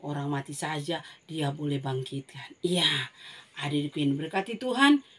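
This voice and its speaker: A woman with a Manado Malay accent teaching a Bible story to children, telling it in an animated way with frequent exclamations and repeated key phrases. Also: low-pitched, normal speed, breathy edge. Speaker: Sunday school teacher.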